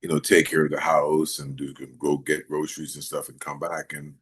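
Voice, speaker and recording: A middle-aged man from Jamaica, raised in Maryland, chatting in an interview in a relaxed, rambling way with many fillers. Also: a bass voice, moderate pace, breathy edge. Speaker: actor guest. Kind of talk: casual interview chat.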